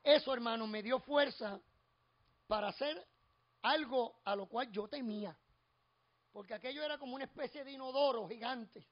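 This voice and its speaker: High-voiced Puerto Rican preacher. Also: male voice, moderate pace, pauses often, muffled recording. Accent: Puerto Rican Spanish. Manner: storytelling, builds to fervent repeated refrains. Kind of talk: expository sermon with personal stories.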